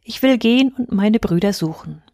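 A woman's voice: medium pitch, expressive, normal speed, dark tone, no echo, clean studio sound, close to an everyday voice. A woman voicing a brave young princess devoted to her brothers in a fairy tale reading. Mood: earnest.

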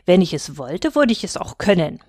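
A woman's voice: very animated, normal speed, a little mellow, breathy edge, no echo, clean studio sound. A woman voicing a tiny, proud young male bunny who speaks in prim, polite phrases in a storybook reading. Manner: prim, well-mannered, raised pitch.

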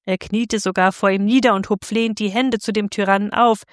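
A woman narrating a storybook in a steady, expressive reading voice. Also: medium pitch, fairly quick, no echo, clean studio sound.

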